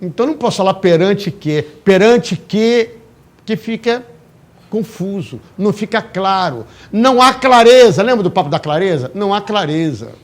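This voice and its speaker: A man's voice: high-pitched, lively intonation, normal speed. A man teaching a live grammar class to a room and an online audience. He is emphatic and works through the rules step by step, often checking that everyone follows. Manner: emphatic, explains step by step with frequent check-in questions. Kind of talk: live exam-prep class lecture. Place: classroom, also streamed online.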